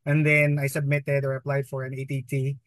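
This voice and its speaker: A man's voice: medium pitch, completely flat delivery, brisk, fairly bright tone, no room sound, studio quality. A Filipino-accented man in his thirties telling a personal story conversationally as an interview guest, slipping Tagalog words into his English. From Philippines. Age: 30s. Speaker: interview guest, emergency room nurse.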